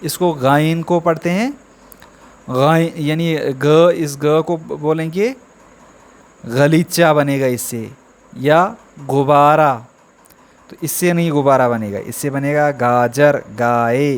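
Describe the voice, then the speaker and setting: Slow, drilling male alphabet teacher. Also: medium pitch. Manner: drawn-out, repetitive letter drills with frequent "theek hai". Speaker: Urdu teacher. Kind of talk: slow beginner alphabet lesson.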